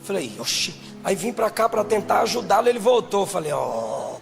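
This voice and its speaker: A man, a pastor, preaching a sermon, shouting and half-singing his appeals and then telling stories quietly. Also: high-pitched, fairly quick, gravelly. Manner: shouts and half-sings exhortations, then drops to quiet storytelling. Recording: music playing behind the voice.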